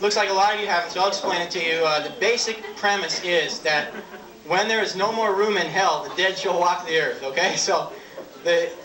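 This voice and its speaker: High-voiced young male comedian, roomy live stage. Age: 20s. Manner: halting, offhand delivery. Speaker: stand-up comedian. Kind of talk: live stand-up comedy with props. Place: small dark theatre stage with audience. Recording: roomy old videotape, distant, audience noise. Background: audience laughter and crowd noise.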